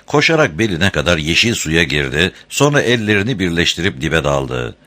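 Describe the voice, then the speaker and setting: A man narrating an audiobook chapter in an expressive, dramatic reading style. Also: low voice. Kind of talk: scripted narration.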